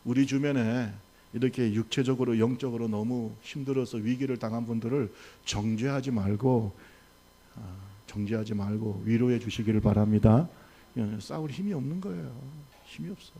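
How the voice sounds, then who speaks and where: A man's voice: mid-range voice, moderate pace, mellow. A male pastor preaching a sermon emphatically and having the congregation repeat after him. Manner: emphatic, leads the congregation in call-and-response. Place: church sanctuary.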